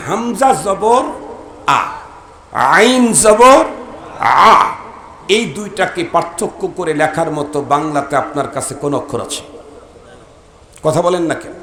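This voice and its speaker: A male preacher delivers a sermon, his fairly high voice leaping up and down as he stresses each point. He questions the crowd and repeats phrases for emphasis. The sound is echoey, as if carried over a public-address system. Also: fairly bright tone, a little hiss or hum. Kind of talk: sermon at a religious gathering.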